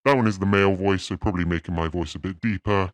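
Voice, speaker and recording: A man speaking through a voice changer that pitches his voice deeper, casually demoing its presets with offhand, unimpressed remarks. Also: fairly even intonation, fast talker, no room sound. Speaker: product reviewer.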